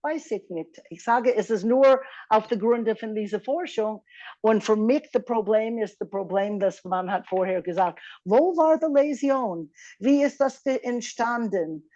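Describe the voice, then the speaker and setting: A woman therapist in a casual journal-club discussion, mixing English words into halting German. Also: on the high side, mellow, dry recording, muffled recording.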